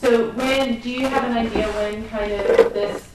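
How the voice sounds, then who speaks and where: A woman council member asking a resident brisk, matter-of-fact questions in a council chamber. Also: fairly high pitch, steady tone. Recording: roomy, distant mic with background noise.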